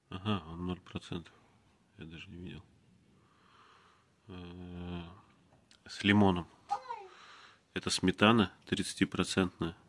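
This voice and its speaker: A man filming himself tasting groceries in a room, talking calmly in short, clipped phrases into his phone camera. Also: sits low. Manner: calm, terse, speaks in short clipped phrases. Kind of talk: casual food-tasting vlog. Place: indoors, in a room in a city. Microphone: phone camera held by the speaker, who stays off screen.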